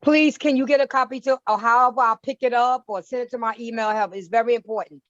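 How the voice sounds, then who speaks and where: A woman's voice: on the high side, fairly even intonation, quick pace, fairly bright tone, no room sound, lo-fi sound. A woman community board member on a bad phone connection, speaking insistently and repeating herself in a virtual meeting.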